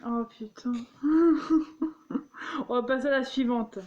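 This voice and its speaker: A young woman reads jokes out loud at a slow, unhurried pace and keeps stumbling and correcting herself as she goes. Her voice sits a little high, and the recording sounds dull and lo-fi. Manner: giggly, stumbling, explaining jokes. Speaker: vlogger. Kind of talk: reading jokes aloud.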